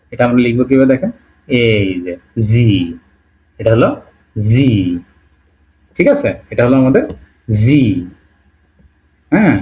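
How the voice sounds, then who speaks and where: A patient male teacher walking beginners through an alphabet, one letter at a time. He repeats each sound slowly and keeps checking in with a quick "okay?". English words slip into his explanations now and then. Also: medium pitch, darkish tone. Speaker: language teacher. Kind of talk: Bengali-language alphabet lesson.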